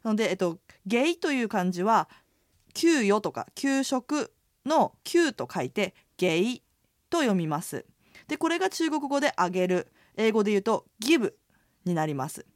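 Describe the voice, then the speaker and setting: A woman co-hosting a radio language lesson, explaining words in a lively way. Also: medium pitch, normal speed, dry recording, clean studio sound.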